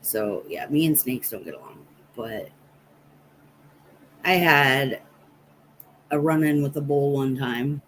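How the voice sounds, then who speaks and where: With a very deep, expressive voice, this American host from Nebraska tells rambling stories to livestream viewers at a slow pace, leaving long pauses. The low-quality recording has slight background noise.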